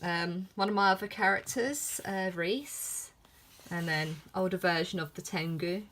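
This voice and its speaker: A woman with a fairly low voice and a lisp gives a casual sketchbook commentary. She takes it very slowly, hesitating often, and sounds self-deprecating and a little giggly. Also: fairly even intonation, a bit bright, slight background noise. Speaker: artist showing a sketchbook. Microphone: filmed on iPhone.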